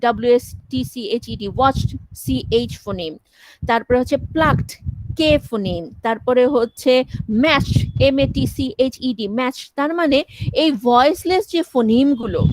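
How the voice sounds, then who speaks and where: A woman's voice: fairly high pitch, moderate pace, no echo, low-quality recording. A woman teacher giving a classroom lecture, explaining step by step and often checking that students understand.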